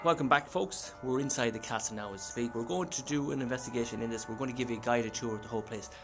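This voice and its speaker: A man's voice: medium pitch, fast talker, music in the background. An Irish man casually narrating a paranormal investigation and calling out questions, often repeating his phrases. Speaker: paranormal investigator and channel host. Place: at a castle and woods. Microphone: phone.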